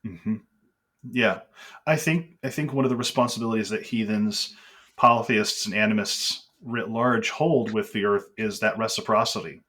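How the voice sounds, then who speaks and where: A man's voice: on the low side, normal speed, fairly bright tone. A man in a casual podcast conversation, talking in an earnest, reflective way.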